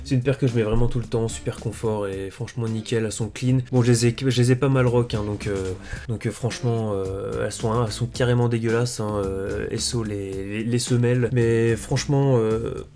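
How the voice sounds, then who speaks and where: A man in a laid-back show-and-tell vlog, with a voice of ordinary pitch for a man. He speaks haltingly, padding his sentences with fillers and often correcting himself mid-phrase. Faint music plays quietly behind him. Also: steady tone. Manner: hesitant, full of fillers and self-corrections. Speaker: sneaker vlogger.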